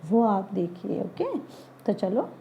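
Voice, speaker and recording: A woman teacher slowly taking young children through letters and sounds, sounding each one out patiently. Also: medium pitch, expressive, vocal fry, mellow, slight background noise. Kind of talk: children's Hindi lesson. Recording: dull lo-fi recording.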